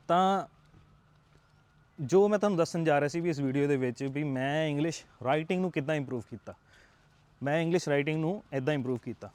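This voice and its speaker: Earnest Punjabi-accented man, higher voice. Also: darkish tone, no room sound. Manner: earnest, coaxing, checks in with rhetorical tags. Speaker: IELTS tutor. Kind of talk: motivational talk to camera.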